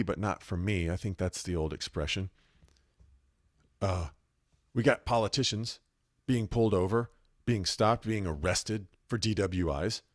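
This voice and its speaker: A man preaching an informal sermon in a blunt, emphatic way, his words swinging between loud stresses and low, quiet drops. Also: no room sound, clean studio sound.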